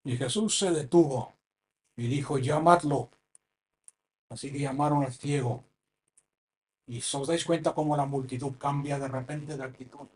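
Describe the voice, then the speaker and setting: A man from preaching a sermon, swinging between loud impassioned cries and low, hushed phrases. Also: steady tone, unhurried, pauses often.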